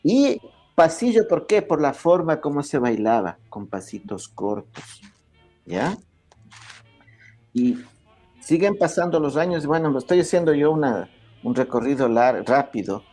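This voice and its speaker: His voice is a little high and dark-toned, with big pitch swings and an unhurried pace. This Ecuadorian guest lectures about music history in an interview, repeatedly checking in with "¿ya?" and restarting many times.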